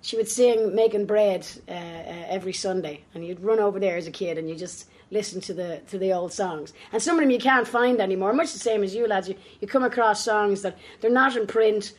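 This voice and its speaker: A woman's voice: medium pitch, brisk, few pauses. An Irish woman with a big, brassy voice, telling anecdotes in a casual, jokey interview chat. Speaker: folk singer, interview guest.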